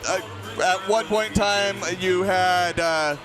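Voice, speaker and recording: A man giving live kickboxing commentary in a conversational, excitable way. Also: sits high, takes it slowly, over music. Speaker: fight commentator.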